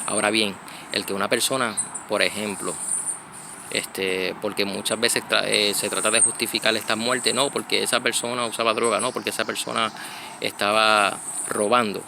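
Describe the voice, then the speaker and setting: A man gives a loose church reflection outdoors, stopping and restarting often, with many fillers. His voice sits low and has a gravelly edge. Insects and passing traffic are heard clearly behind him. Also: flat delivery, moderate pace. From United States (Connecticut). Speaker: church brother giving a reflection. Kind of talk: casual spoken reflection.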